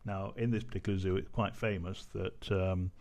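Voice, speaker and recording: A man's voice: sits low, steady tone, normal speed, a little mellow. A man giving casual commentary as a vlogger, amused and often breaking into laughter while he reads out a news article.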